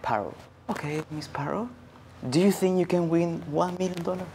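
A woman's voice: lowish voice, fairly even intonation, normal speed, close to an everyday voice. A woman playing a male game show host who keeps mishearing and getting muddled. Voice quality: hard of hearing, muddled. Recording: loud background noise.

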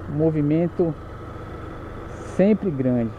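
A man's voice: a little high, extremely slow. Chatty man with a Paraense accent, riding a motorbike. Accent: Paraense Brazilian Portuguese. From Pará, Brazil. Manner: chatty, jokey, corrects himself. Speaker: motorcycle vlogger. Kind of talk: casual chat while riding. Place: on a motorcycle in the street outdoors. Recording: muffled with loud road noise. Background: engine and traffic noise.

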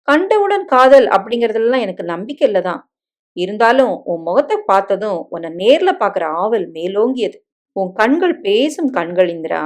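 A woman voicing a devoted young husband in a dramatic story reading, soft and coaxing in manner. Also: mid-range voice, lightly acted.

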